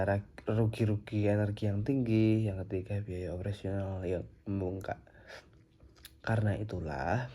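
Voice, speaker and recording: A man's voice: lowish voice, mellow. A young man, an engineering student, reading a recorded slide presentation steadily, with occasional slips and restarts. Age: young adult.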